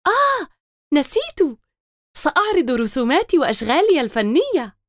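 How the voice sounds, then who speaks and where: A woman voicing a lively, excitable little girl who talks eagerly in exclamations. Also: sits high, moderate pace, background noise. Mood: excited.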